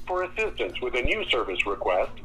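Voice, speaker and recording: A man's voice: medium pitch, a little fast, poor audio. A man's voice in a recorded phone menu message, giving polite, formal, scripted announcements. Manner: polite, even, formal delivery.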